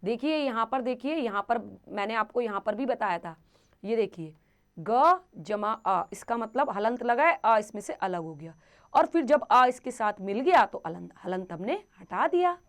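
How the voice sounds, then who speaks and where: A woman with a fairly high voice teaches a grammar lesson to children. She explains each point, then turns it into a question for her pupils, and she draws out the example words slowly and clearly. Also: lively intonation.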